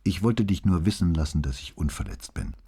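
A man's voice: sits low, big pitch swings, fairly quick, gravelly, dark tone, slightly rough, full character voice. A man reading an audiobook, voicing a shaken middle-aged police commissioner who talks in a subdued, downplaying way. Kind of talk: audiobook dialogue.

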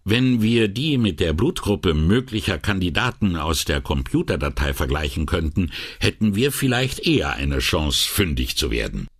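A man's voice: low voice, big pitch swings, normal speed, hardly any pauses, slightly rough, no room sound, heavily acted. A man voicing a wry veteran police inspector who makes dry, sardonic remarks. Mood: matter-of-fact.

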